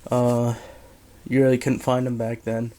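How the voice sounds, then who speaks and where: Flat-toned man, halting casual review. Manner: halting, low-key delivery with pauses. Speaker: military surplus collector reviewing gear. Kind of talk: casual unscripted product review. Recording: steady background noise, handheld camera.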